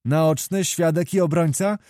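A man's voice: fairly high pitch, measured pace, warm tone, dry recording, clean studio sound, pitched above the performer's own voice, lightly acted. A man voicing a joyful, pious king who speaks in exclamations, in a read-aloud historical novel. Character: joyful pious male king, warm and commanding.

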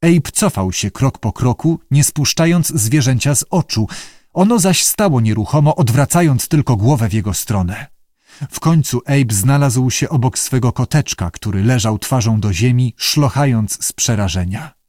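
A man reading a novel aloud as narrator, with steady, measured delivery. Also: medium pitch, dry recording, studio quality. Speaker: audiobook narrator. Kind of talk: scripted narration.

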